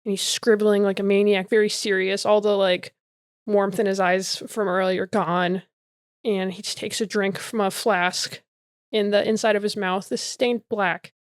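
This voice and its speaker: A woman's voice: medium pitch, little pitch movement, normal speed, clear, resonant tone, no room sound, studio quality. A woman introducing her character on a role-play podcast, playful and chatty. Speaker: player. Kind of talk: casual chat.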